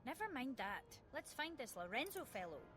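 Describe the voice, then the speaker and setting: An actress playing a brisk, practical female crew member in a video game. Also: high voice, big pitch swings, fairly bright tone, faint music behind. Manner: brisk, no-nonsense.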